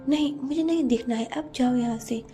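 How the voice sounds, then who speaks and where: A woman's voice: sits high, fairly quick, dark tone, soft background music, close to an everyday voice. A woman voicing a shy, sulky young wife in a narrated storybook romance, pouting and playful.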